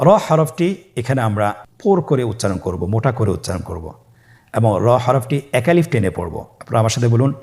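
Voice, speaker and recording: Male Quran reading teacher, mid-pitched, calm and patient, long drawn-out letter sounds, repeat-after-me delivery. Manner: calm, patient, with frequent pious interjections. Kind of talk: step-by-step recorded lesson.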